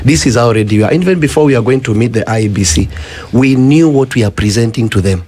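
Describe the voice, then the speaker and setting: A man's voice: medium pitch, quick pace, a little mellow. A man with a Kenyan accent explaining persuasively in conversation, insistent and given to repeating himself. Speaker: guest demonstrating a tech system.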